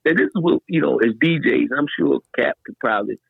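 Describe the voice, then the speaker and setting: Raspy animated man, tinny phone sound. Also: medium pitch, brisk, dry recording. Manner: animated, lively storyteller with loose slang and many fillers. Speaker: guest DJ. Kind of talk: casual storytelling in a podcast interview.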